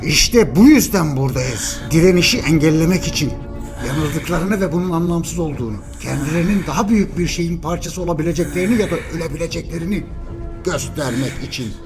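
Man acting Omni-Man, high-pitched, ruthless superhero father. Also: animated, a little fast. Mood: cold, lecturing. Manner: menacing, emphatic, scolding. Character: ruthless, domineering alien superhero father, contemptuous and anguished. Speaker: amateur fan dubber. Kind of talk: dramatic animated superhero dub. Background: loud dramatic music.

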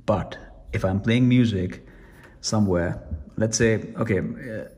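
A man's voice: on the low side, measured pace, darkish tone. Guy doing a casual gadget review in his room, chatty, rambles n restarts a lot. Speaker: tech reviewer. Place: room at home.

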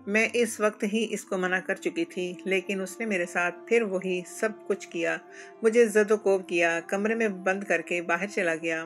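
A woman reads a first-person story aloud with emotional, dramatic weight. Her voice sits at a medium pitch. Faint background music plays beneath the narration. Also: a bit bright.

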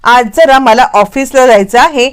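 A woman's voice: high-pitched, a little slow, clean tone. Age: young. Figure: a woman doing a feisty young wife. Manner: snappy, scolding retorts.

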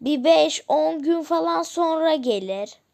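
A woman voicing a daughter who pleads with her mother not to leave, talking fast and exasperated in a family role-play. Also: high voice, lively intonation, gravelly, darkish tone, exaggerated voice. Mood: pleading.

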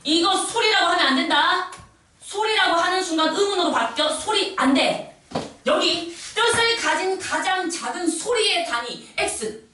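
Lively woman teacher in echoey classroom. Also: extremely high pitch. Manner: lively, animated, sing-song emphasis with quick asides to students. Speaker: middle school Korean teacher. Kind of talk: classroom lecture. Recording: echoey classroom from far off, faint noise.

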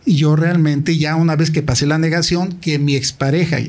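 A man's voice: on the high side, flat delivery, normal speed, a little mellow. A middle-aged man with a Mexican accent speaking at a university talk, telling his own story candidly and directly and acting out past conversations. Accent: Mexican Spanish. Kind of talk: personal storytelling in a public talk.

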